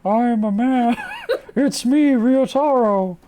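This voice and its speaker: A man putting on a squeaky falsetto to voice a young woman who is pretending to be a man, reading game dialogue aloud in a giggly way. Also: slow pace, mellow, a little hiss or hum. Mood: playful. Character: young woman faking a gruff male voice.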